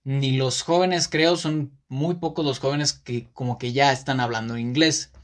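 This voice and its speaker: A man's voice: medium pitch, steady tone, a little slow. A man with a Mexican Spanish accent talks through a casual podcast monologue. He rambles along, often stopping to correct himself and filling the gaps with "eh" and "pues". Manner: rambling, self-correcting with many fillers. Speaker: podcast host.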